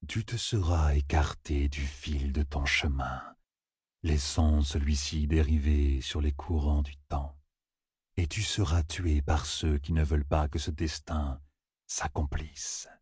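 A man doing a hushed, eerie inhuman oracle. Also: rumbling low, little pitch movement, slightly rough, dry recording, studio quality, voice pushed down, exaggerated voice. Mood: ominous. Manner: slow, hushed, drawn out. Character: eerie inhuman being, slow and ominous.

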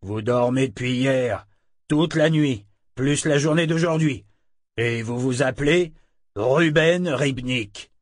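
Morose giant coachman, gruff and grumbling, exasperated, loud, read by a man. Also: mid-range voice, slow, no echo, clean studio sound, close to an everyday voice. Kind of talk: audiobook character voice.

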